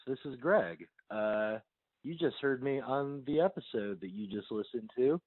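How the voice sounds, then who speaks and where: A man's voice: medium pitch, dry recording. A man hosting a podcast, rambling and joking in a casual chat, heard over a landline phone voicemail. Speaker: podcast host. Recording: tinny phone line, dry.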